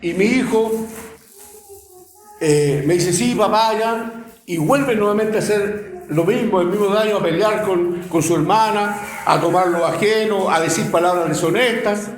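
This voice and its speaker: A middle-aged Chilean man preaches a sermon in a high voice, telling stories with plenty of feeling and repeating his words as he goes. His voice rings around an echoey room. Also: normal speed, a little hiss or hum. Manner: emotional storytelling with many repeated words.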